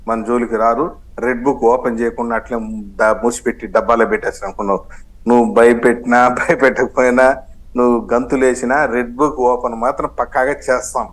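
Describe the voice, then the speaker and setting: A man's voice: medium pitch, low-quality recording. Combative man in a TV debate. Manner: combative, sarcastic, mixes in English phrases. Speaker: political party spokesman, debate guest. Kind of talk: heated TV news debate.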